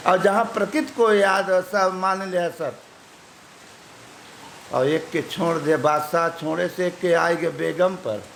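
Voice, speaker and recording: A man's voice: high voice, slow pace, creaky, a bit bright. A man with an eastern Uttar Pradesh Hindi accent giving a folksy devotional sermon as a spiritual teacher, full of proverbs and homely examples. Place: ashram gathering. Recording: echoey room with faint hiss.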